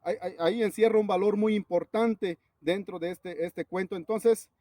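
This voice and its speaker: A man from a Zapotec-speaking community with a Mexican Spanish accent, a teacher telling a folk tale in a relaxed, conversational way. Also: sits high, normal speed, dry recording, clean studio sound. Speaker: teacher and storyteller.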